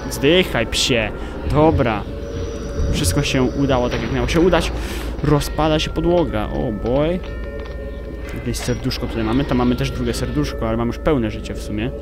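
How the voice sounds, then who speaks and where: A young man, commentating his gameplay with excited outbursts and swearing. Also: medium pitch, normal speed. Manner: excitable, exclaiming and swearing at the game. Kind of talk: let's play commentary. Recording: game music playing behind.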